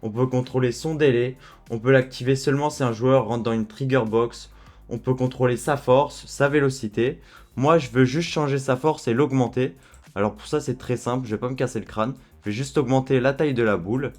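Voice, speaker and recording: A man walking viewers through a software tutorial in a relaxed, chatty way, with frequent fillers. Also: mid-range voice, brisk, soft background music. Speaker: tutorial host. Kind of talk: screen-recorded software tutorial.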